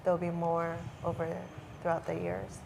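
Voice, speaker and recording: A woman's voice: lowish voice, monotone, normal speed, vocal fry, a little mellow, poor audio. A young woman athlete answering interview questions earnestly and encouragingly. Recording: faint background noise.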